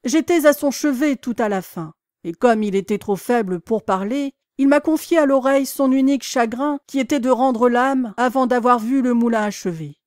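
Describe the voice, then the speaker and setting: A sly male pig propagandist from a storybook reading, smooth and unctuous as he persuades, played by a woman reader. The voice sits a little high, and the sound is close and dry. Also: normal speed, hardly any pauses, a little mellow, dry recording, close to an everyday voice.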